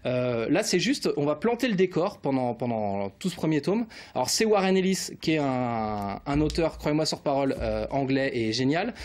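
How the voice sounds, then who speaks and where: A man's voice: mid-range voice, big pitch swings, moderate pace, few pauses, a little mellow. A man who works as a comics columnist on a show, reviewing a book in casual chat, hesitant, with many fillers and jokes.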